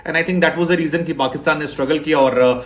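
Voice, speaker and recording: A man's voice: a little high, fairly even intonation, a little fast, roomy sound. A man giving a chatty, sarcastic cricket match analysis, dropping English phrases into his talk.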